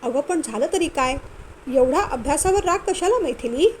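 A kind elderly father-in-law who asks gently what is wrong, read by a woman narrator. It is a spoken storybook with a faint hum underneath. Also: high voice, normal speed. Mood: calm. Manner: loving, calm.

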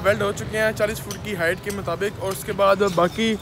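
A young Pakistani vlogger, his Urdu flavored by Punjabi, talks quickly through a casual tour of rooftop construction work. His high voice keeps a fairly even intonation, and the phone recording, held at arm's length outside, is noisy.

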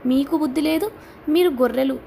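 A woman's voice: high voice, fairly quick, gravelly, warm tone, slight background noise. A woman reading the part of a defiant man who scornfully harangues a crowd, in an audiobook. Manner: accusing, mocking, relentless.

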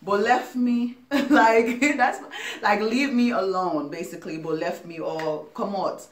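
A woman's voice: mid-range voice, a little slow, roomy sound, recorded from a distance. A young woman from Sierra Leone chatting casually to her viewers as a vlogger, laughing often and filling her talk with fillers. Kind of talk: casual chat.

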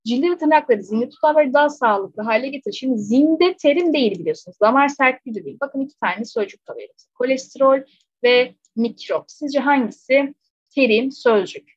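A woman's voice: high-pitched, a little fast, slightly rough, dry recording. A woman teacher working through exam questions step by step, often checking with rhetorical questions. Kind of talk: exam question walkthrough lesson. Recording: slightly dull, dry close recording.

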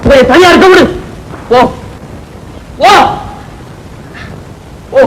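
A man's voice: sits high, huge pitch swings, a little fast, fairly bright tone, slight background noise, exaggerated voice, poor audio. An actor playing a wealthy, unbending older father who gives curt, commanding orders. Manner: commanding, dismissive.

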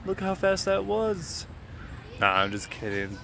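A man's voice: sits high, very animated, a little slow, creaky. A man chatting casually to viewers as a family vlogger, recorded outdoors at a campground. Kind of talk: casual vlog chat. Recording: noisy outdoor camcorder-style recording.

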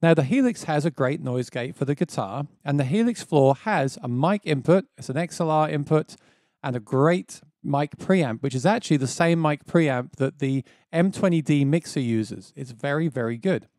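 A man in his thirties sounds animated and darkish in tone, moving at a moderate pace as he hosts a casual music gear tutorial and eagerly explains it step by step. He considers his voice quite low; the small home studio recording, made on a boom dynamic mic close to his face, has no room sound.

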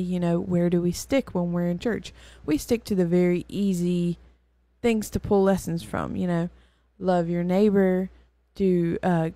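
A woman's voice: fairly low pitch, warm tone, no echo. A weary woman hosting and giving a casual, rambling Bible lesson, full of fillers and self-corrections. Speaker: host and Bible teacher.

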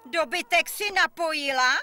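Shrill, scheming puppet-theatre stepmother. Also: bright, forceful tone. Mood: bossy scolding. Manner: scolding, domineering, theatrical. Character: scheming, bossy stepmother, nagging and cruel. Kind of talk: Czech puppet theatre character voice. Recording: noisy recording of a stage performance.

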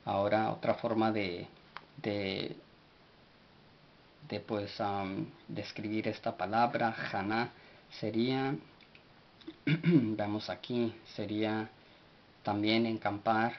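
A man teaches vocabulary in a slow, measured way, spelling each word out letter by letter and stopping often to search for the next one. His voice sits fairly low. The recording is dull and lo-fi, with a faint hiss underneath. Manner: spells words letter by letter, halting with fillers. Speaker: language teacher. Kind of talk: slow spoken vocabulary lesson.

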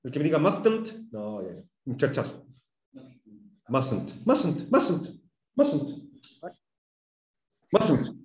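A man's voice: fairly high pitch, big pitch swings, very slow, long pauses, darkish tone. A man with a Chilean Spanish accent teaching an English class, asking questions and drilling pronunciation. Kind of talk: classroom lesson. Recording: echoey room, mic far off.

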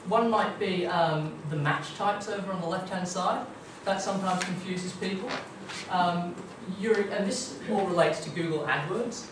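A young Australian man's high-sitting voice moves a little slowly with few pauses as he gives a casual, chatty tech talk, full of ums and kind-ofs. He's guest speaker at a marketing meetup held in a dim meeting room with a projector screen. Audio from a far room camera is echoey, distant, and noisy.

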